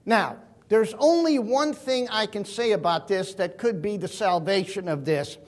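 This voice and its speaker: An older man delivers a keynote in a high-pitched voice. He speaks earnestly and with emphasis, slipping into stories between points. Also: a little slow. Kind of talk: keynote talk on money and markets.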